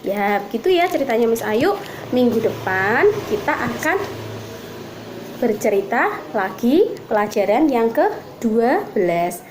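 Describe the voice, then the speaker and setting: A woman teaching Sunday school, telling a story to children in a lively way and asking them questions. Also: on the high side, measured pace. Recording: echoey room with faint noise.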